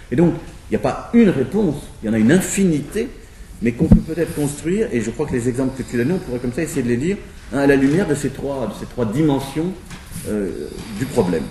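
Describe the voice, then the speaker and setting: A male sociologist who lays out his argument aloud, pausing and restarting as he thinks it through. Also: mid-range voice, warm tone, reverberant, distant mic, slight background noise. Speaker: sociologist in a discussion. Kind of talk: spoken lecture-style argument.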